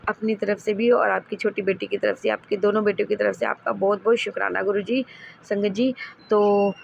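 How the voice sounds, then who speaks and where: A woman's voice: medium pitch, level tone, normal speed, creaky, husky, muffled recording. A woman sharing devotional experiences in a rambling way, with many restarts and fillers. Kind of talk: devotional testimony talk.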